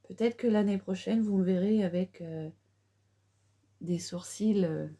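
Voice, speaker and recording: Middle-aged woman rambling through a makeup tutorial, lots of euhs, dark husky voice. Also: medium pitch, a little slow. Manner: chatty, with many fillers and restarts. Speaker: beauty vlogger. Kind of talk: casual makeup tutorial chat.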